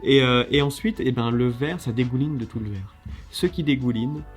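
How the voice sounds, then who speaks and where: A man hosting a casual video, judging contest entries in a lively, chatty way with many fillers and restarts. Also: mid-range voice, normal speed, faint music behind.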